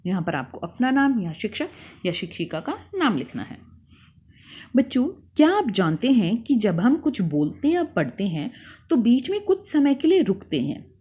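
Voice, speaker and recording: Lively young woman teaching children. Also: fairly high pitch, breathy edge. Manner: patient, explains and repeats slowly. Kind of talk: worksheet lesson for children. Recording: tinny phone-like sound.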